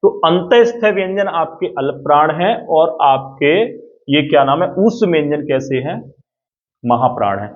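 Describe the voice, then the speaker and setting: A man's voice: a little high, expressive, moderate pace. A man teaching an exam-prep grammar lesson at a board, explaining step by step and often checking that students follow. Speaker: Hindi teacher. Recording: tinny phone-like audio.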